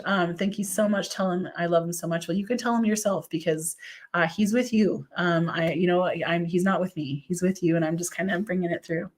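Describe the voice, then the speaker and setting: Her voice is on the low side as she gives a live-streamed psychic reading. Affectionate and gushing, this medium scatters "like" throughout her speech and reads out her replies to viewer comments.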